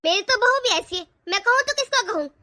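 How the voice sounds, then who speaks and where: A woman voicing a strict, stubborn older mother-in-law in an animated family cartoon, nagging and scolding her family. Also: very high-pitched, quick pace, dry recording, clean studio sound, full character voice.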